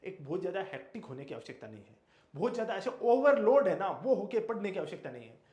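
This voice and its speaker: A male exam coach, speaking high and with a lively, swooping delivery. He hammers his points home by repeating key words and answering his own questions. The room around him rings with echo. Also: quick pace. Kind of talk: motivational exam lecture.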